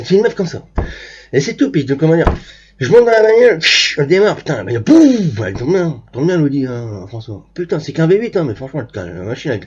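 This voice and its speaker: Man, husky voice, slightly high, crude slangy rambling, lo-fi sound. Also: darkish tone. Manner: crude slangy storytelling, constant asides and restarts. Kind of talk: rambling anecdote told to camera.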